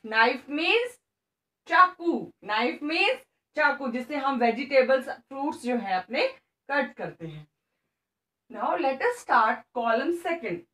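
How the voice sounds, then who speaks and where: A woman's voice: sits high, a bit bright, roomy sound, poor audio. A woman with an Indian accent teaching young children, spelling words letter by letter and switching between English and Hindi, asking questions and answering them herself. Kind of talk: classroom lesson for young children.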